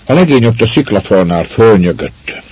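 A man reading a story aloud in a slow, measured way. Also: fairly low pitch, expressive, a little mellow, breathy edge. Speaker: narrator. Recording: dull muffled recording.

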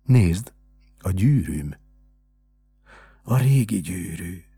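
A returned dead young woman, impatient and pleading, her lines pressed out with urgency in a gravelly, husky voice, as a male storyteller puts her on. Her delivery swings widely, rising over a deep base. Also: expressive, dark tone, no echo, faint music behind, full character voice. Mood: urgent.

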